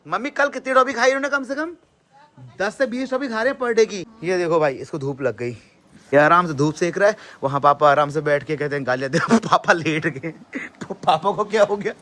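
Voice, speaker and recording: A young man hosting a casual family vlog outdoors at home, teasing his family and calling out loudly. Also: high voice, normal speed. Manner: teasing, lively, calls out loudly. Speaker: vlogger, host.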